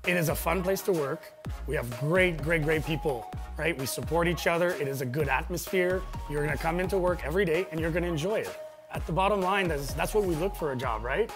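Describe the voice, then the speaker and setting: A man's voice: fairly high pitch, a little fast. A man speaking persuasively about his workplace in a studio interview testimonial. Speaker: employee in a recruitment video. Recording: background music.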